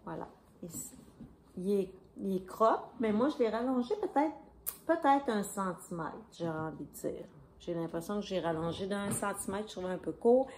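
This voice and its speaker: A woman's voice: mid-range voice, lively intonation, normal speed. Woman, Québécois French accent, casual knitting vlog host, rambling chat, faint background noise. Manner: chatty, rambling, self-correcting, glances at notes. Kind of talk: casual video podcast talk. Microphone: camera on a stand.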